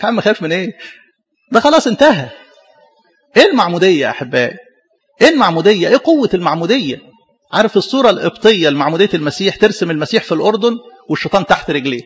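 Fast, husky-voiced Egyptian priest preaching. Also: male voice, high-pitched, lo-fi sound. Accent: Egyptian Arabic. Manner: animated preaching with rhetorical questions. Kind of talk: sermon.

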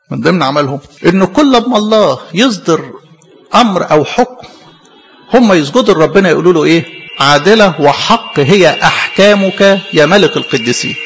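A middle-aged Egyptian priest preaches at a quick clip in a gravelly, husky voice pitched a little high. He speaks with an Egyptian Arabic accent, throws out rhetorical questions and answers them himself, and his words ring with the long reverb of a church. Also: fairly bright tone. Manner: storytelling with acted quotes. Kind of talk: sermon.

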